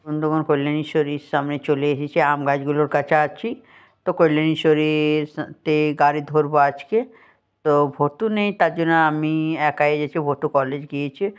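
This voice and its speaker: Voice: mid-range voice, level tone, moderate pace, smooth. Casual family vlogger; walk-and-talk commentary on a phone, chatty and pointing things out. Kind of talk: casual walking vlog commentary. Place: outdoors, walking through a village, fields and a house.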